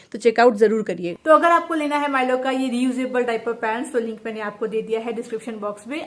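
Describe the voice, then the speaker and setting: A young woman chatting casually in a home vlog, talking quickly and fluently. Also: on the high side. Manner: chatty and quick, mimics others' speech. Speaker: vlogger. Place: indoor home. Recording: echoey room, faint background noise.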